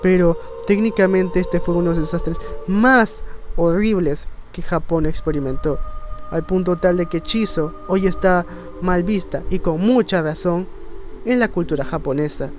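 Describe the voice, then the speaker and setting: Speaking at a measured pace in a voice that sits high, a man narrates an opinion-driven video essay. He is emphatic and rhetorical, stressing key words dramatically over faint music.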